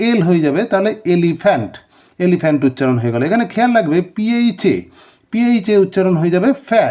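High, mellow-voiced teacher. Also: male voice. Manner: asks a question, then answers it himself. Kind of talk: classroom-style phonics lesson.

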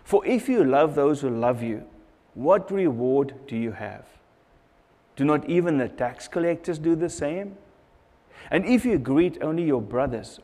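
A middle-aged pastor preaches from a church pulpit in a large hall, his medium-pitched voice dark in tone and picked up by a lapel mic. He is earnest and repeats phrases for emphasis.

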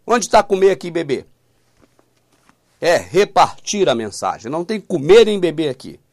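A man preaches in a high, lively voice that swings widely. He reads scripture aloud slowly, then turns insistent and fires repeated questions at the listener. The sound is close and dry. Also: no echo. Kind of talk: YouTube Bible teaching.

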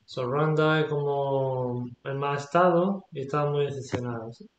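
In an echoey room, a man with a mid-range voice teaches English vocabulary at a moderate pace, patiently repeating words and checking that his student is following. The highs are cut off and there's slight background noise.

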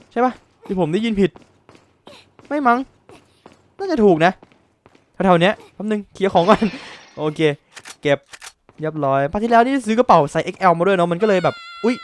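Male game streamer, fairly high voice, jumpy and excitable, repeats his shouts, slightly sleepy. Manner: excitable, exclaims and repeats words. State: just woke up, a little drowsy. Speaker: gameplay commentator. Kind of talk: live gameplay commentary.

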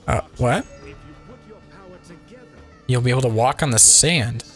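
A man hosting a casual gameplay commentary while sick, his voice still not fully recovered, reacting excitably with frequent exclamations. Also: medium pitch, takes it slowly, soft background music. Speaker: let's play host.

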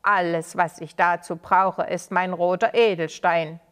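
A man's voice: high-pitched, level tone, measured pace, clean tone. A woman voicing a gloating old sorcerer man. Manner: loud and gloating. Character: spiteful triumphant old male sorcerer.

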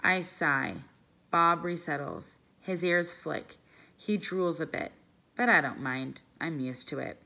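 A woman calmly reading a children's novel aloud, careful and measured as a teacher. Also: low-pitched, vocal fry. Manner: calm, careful storytelling, pausing over phrases.

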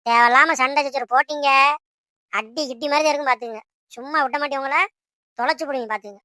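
A woman voicing a bright, scolding cartoon mother. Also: sits high, no room sound, clean studio sound. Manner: nagging, quick scolding. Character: bossy scolding mother of grown children. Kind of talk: Tamil cartoon voice acting.

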